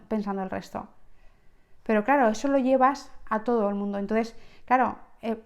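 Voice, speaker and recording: Higher-voiced Spanish woman, unscripted. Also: darkish tone, dull audio. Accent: Spain. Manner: unscripted, keeps asking "¿no?" and restarting words. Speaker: podcast host. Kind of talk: reflective self-help monologue.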